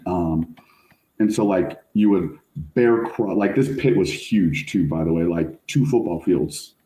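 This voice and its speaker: A middle-aged man, a fire service officer, telling a story as a podcast guest in a casual, animated way, full of slang. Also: deep voice. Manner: animated, slangy, says "like" and "bro" often. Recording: roomy echo.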